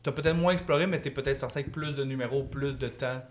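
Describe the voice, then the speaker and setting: A man's voice: medium pitch, fast, slight background noise. A young man with a Quebec French accent chatting casually as a comedian guest, in loose colloquial slang. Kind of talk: casual podcast chat.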